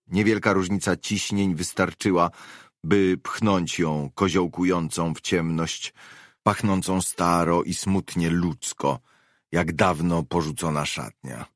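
A man narrating an audiobook with measured, expressive storytelling. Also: sits low, dry recording, clean studio sound. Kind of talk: scripted narration.

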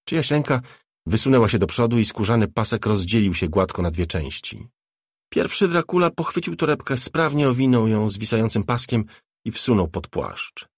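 A man narrates a novel in a measured, steady audiobook delivery. His voice sits low and carries a husky grain. The recording is close and dry, with no room around it. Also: no echo. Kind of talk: scripted narration.

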